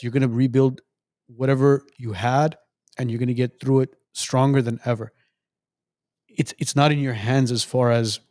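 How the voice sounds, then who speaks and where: A man's voice: medium pitch, warm tone, dry recording, clean studio sound. A man hosting a podcast, speaking in an earnest, reassuring way to his guest. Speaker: podcast host. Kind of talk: supportive conversation.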